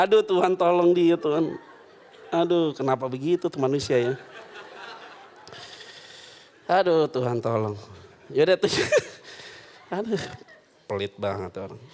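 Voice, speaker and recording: A man preaches a lighthearted sermon in a church hall. He speaks in a high voice with big, lively swings of pitch. He slips into the voices of the people in his stories. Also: a little hiss or hum. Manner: animated, jokes and voices quoted characters. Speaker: pastor. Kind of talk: humorous sermon with storytelling.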